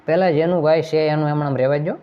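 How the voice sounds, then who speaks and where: A man's voice: fairly high pitch, fairly even intonation, fast. A man delivering an impassioned political speech, accusing and firing off rhetorical questions. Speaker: political commentator. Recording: dull lo-fi audio.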